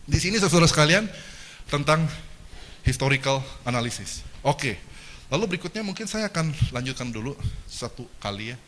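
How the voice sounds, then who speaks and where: A man lectures at a seminar in a bright, forceful voice that sits a little high. He keeps the room engaged with questions and quick jokes. A faint background hiss runs under him. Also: animated. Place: lecture hall.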